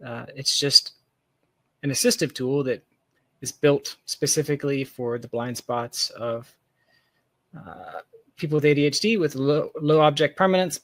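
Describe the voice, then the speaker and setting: An unhurried software founder, speaking as an interview guest in a medium-pitched, fairly bright voice, walks through his work casually and candidly. He throws in emphatic, self-deprecating asides, and there's no room sound.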